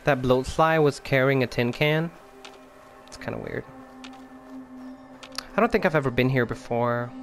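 A man's voice: medium pitch, a little slow, pauses often. A man casually commenting on his video game play, chatty and swearing freely. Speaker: let's play gamer. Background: game music.

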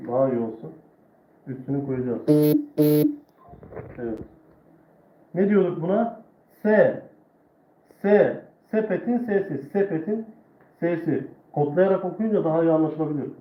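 A man teaching Quran reading in a live online lesson, drilling letter sounds slowly and patiently. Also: fairly high pitch, expressive. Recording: echoey room, tinny phone-like sound.

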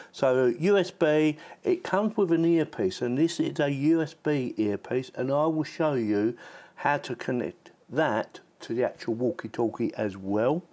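This product reviewer gives a relaxed, chatty hands-on demo, informal and prone to repeating himself. His voice sits in the mid-range with a darkish tone.

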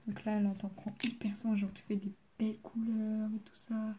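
A woman's voice: medium pitch, little pitch movement, moderate pace, mellow, slight background noise. A teenage girl from France doing homework on camera, chatting casually with many fillers and sometimes dropping to a murmur. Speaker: student vlogger. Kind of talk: casual study vlog.

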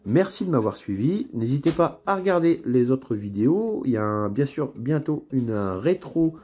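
A man's voice: mid-range voice, a little hiss or hum. A man with a northern French accent chatting casually through an unboxing video, with plenty of hesitations and fillers. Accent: northern French (Ch'ti). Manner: relaxed, chatty, many fillers and pauses. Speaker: miniatures hobby YouTuber. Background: faint background music.

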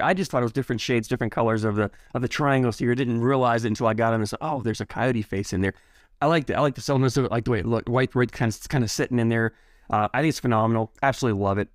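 A man's voice: medium pitch, dry recording, studio quality. A man giving a casual, enthusiastic product review, rambling a bit with restarts and repeated words.

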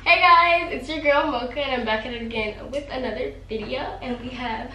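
A woman's voice: high voice, a little fast, over loud music. A young woman hosting a casual vlog, chatting loosely with lots of ums and likes. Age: young adult. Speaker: vlog host. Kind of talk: casual chat on camera. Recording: roomy, distant, clattering kitchen noise.

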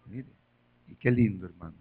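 A man preaching a sermon, telling stories in quiet asides and rising to loud calls for praise. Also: fairly low pitch, moderate pace, slightly rough, phone-quality sound. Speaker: pastor.

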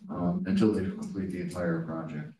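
Deep man, echoey distant meeting room. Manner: halting, many ums, animated pitch swings. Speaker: staff member reporting to a board committee. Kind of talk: meeting update. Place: conference room. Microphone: far room camera. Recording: very echoey room, distant mic, faint noise.

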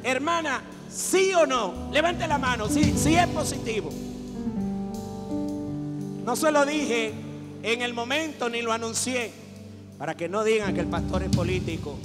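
A Dominican man preaching in a strikingly high voice, fervent and pressing as he urges people forward. His sermon rings through a long-echoing hall while worship music plays beneath him. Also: measured pace, pauses often. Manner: fervent, rising to exhortation. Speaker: pastor. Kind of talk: sermon with altar call. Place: church service, live.

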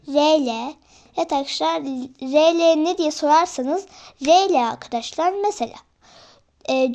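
A woman's voice: high-pitched, darkish tone. A young woman chatting casually to her viewers as friends while explaining an alphabet she is learning herself, with hesitant fillers between her points. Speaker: vlogger teaching herself Korean. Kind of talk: casual tutorial vlog.

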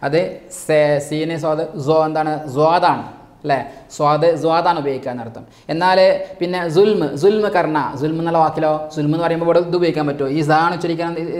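A man gives an online class lecture, asking his own questions and answering them. He talks quickly in a slightly high voice. The sound is echoey, as if in a bare room. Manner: quizzing rhetorical questions and answering them himself. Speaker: teacher.

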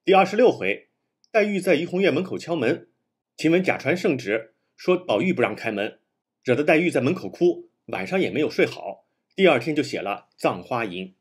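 A man's voice: fairly high pitch, very animated, normal speed, slightly rough. A man hosting a literary commentary show, laying his points out one by one. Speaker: host.

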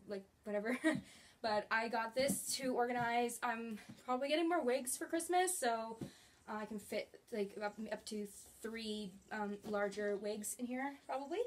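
A young female vlogger casually chats through her grocery haul in the bedroom of her small studio apartment, bubbly and gesturing, filmed by a camera a few feet away. Her voice is on the high side, with a little hiss or hum in the recording.

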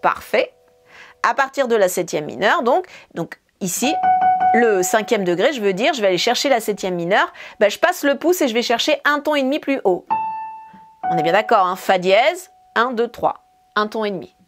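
A woman's voice: on the high side, animated, normal speed. A woman piano teacher, explaining a scale casually and counting fingerings aloud as she plays. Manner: talks while playing, counts fingerings aloud. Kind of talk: casual demonstration lesson. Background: piano notes.

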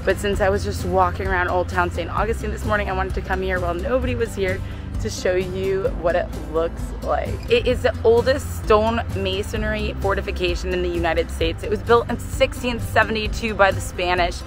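A woman's voice: mid-range voice, fairly even intonation, a little fast, over music. A woman travel vlogger talking outdoors in a historic town in a chatty, enthusiastic, informal way. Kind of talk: travel vlog narration.

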